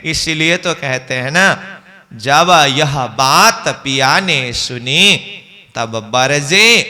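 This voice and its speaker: A man's voice: on the high side, sharp tone. A man giving a devotional scripture discourse, reciting verse lines and then explaining them. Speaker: spiritual teacher. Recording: long hall reverb.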